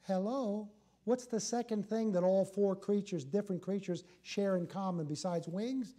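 High-voiced older preacher, mellow tone. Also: male voice, normal speed. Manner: animated, folksy, jokey, with rhetorical questions to the congregation. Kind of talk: church sermon. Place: church sanctuary, in front of a small congregation.

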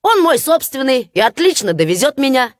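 Cheerful simpleton youth for an audiobook fairy tale, played by a woman; shouty and bouncy, dry close sound. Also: sits high, big pitch swings, fairly quick, no room sound, voice pushed up. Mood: gleeful. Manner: boastful, shouting, laughing. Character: silly cheerful young peasant lad.

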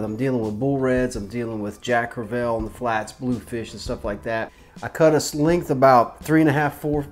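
A man in his forties with a mid-pitched voice walks through a fishing rig in a relaxed, chatty way, explaining each step as he ties it. He speaks close to the camera in a small indoor workshop, with faint music underneath. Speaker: fishing guide and host. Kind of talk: casual how-to demonstration.

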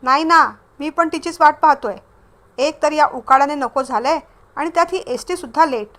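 A woman voicing a friendly, chatty young man on a bus trip in a read-aloud story, speaking a little louder and livelier than her narration. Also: high-pitched, normal speed.

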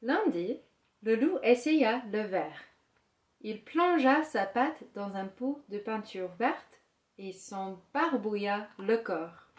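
A woman reading a children's picture book aloud, slowly and clearly, for young listeners. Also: medium pitch, lively intonation, reverberant, slight background noise. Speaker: storyteller. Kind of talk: children's story read-aloud.

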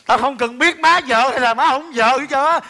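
An actor playing a bossy middle-aged man who poses as a robber, in a comic stage sketch, gruff and scolding. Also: very high voice, normal speed, pushed and bright, heavily acted. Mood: menacing.

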